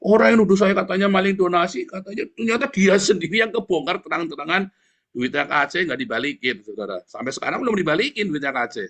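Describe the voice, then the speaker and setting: Middle-aged male preacher, blunt and combative sermon delivery, fairly high-pitched. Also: animated, fast, fairly bright tone. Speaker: pastor.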